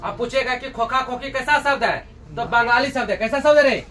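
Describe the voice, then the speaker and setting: A man's voice: very high-pitched, a little fast, sharp tone, distant mic. A man teaches a textbook story. He keeps putting questions to his students, answers them himself and acts out the lines of the characters. The mic sits some way off from him.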